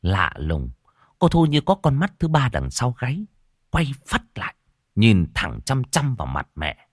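A man narrating a spooky audio story in an expressive way, swinging between hushed and raised tones. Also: medium pitch, a little slow, no room sound.

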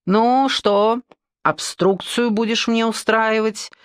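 A woman's voice: mid-range voice, animated, a little slow, no echo, studio quality, natural voice. A woman voicing a bold, sarcastic young woman in an audiobook. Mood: defiant mocking. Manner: defiant, sarcastic.

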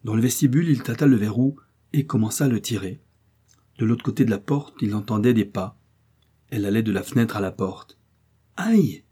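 A man narrating a literary story in measured, expressive tones. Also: fairly low pitch, husky. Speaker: audiobook narrator.

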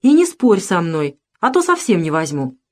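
A woman's voice: on the low side, sing-song, normal speed. A woman voicing a nitpicking, callous male shop clerk who grumbles while haggling. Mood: grumbling. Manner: grumbling, haughty.

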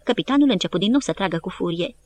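A woman reading an audiobook as narrator, with steady, measured scripted narration. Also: medium pitch, slight background noise.

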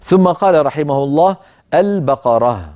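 A middle-aged man teaching a Quranic reading rule, explaining in a calm, measured way and slowly chanting verse quotations. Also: a little high. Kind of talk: lecture on a tajweed poem.

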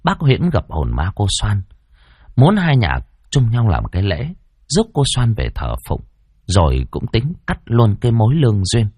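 A man narrating a spooky folk tale in a dramatic, expressive way. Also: fairly low pitch, normal speed, breathy edge, dry recording, clean studio sound. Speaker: storyteller.

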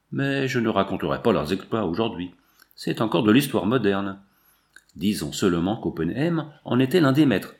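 A man narrating a novel aloud in a measured, literary storytelling manner. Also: lowish voice, vocal fry, a little mellow. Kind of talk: audiobook reading of a novel.

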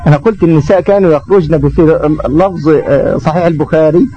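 A man's voice: a little high, fast talker, mellow, highs cut off, faint music behind. A middle-aged man with an Egyptian Arabic accent, teaching an Islamic lesson and taking questions, explaining through rhetorical questions.

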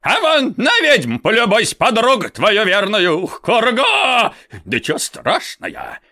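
A woman voicing a nosy, easily frightened bald old man in a storybook, with shrill, drawn-out exclamations. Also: huge pitch swings, fairly bright tone, no room sound, clean studio sound, exaggerated voice. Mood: spiteful. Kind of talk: storybook character voice.

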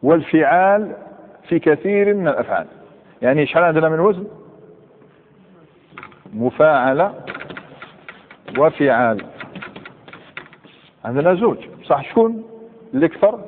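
A man's voice: fairly high pitch, animated. Man with an Algerian accent, tinny hall recording. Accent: Algerian Arabic. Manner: quizzes students, recites verb patterns slowly. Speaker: Islamic scholar teaching Arabic grammar. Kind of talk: classroom lecture.

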